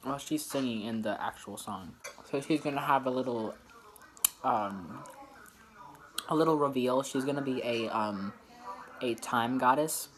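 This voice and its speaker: A man's voice: mid-range voice, a bit bright, slight background noise. A young man chatting casually while eating, rambling and joking with lots of fillers. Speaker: musician vlogger. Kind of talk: casual behind-the-scenes chat while eating.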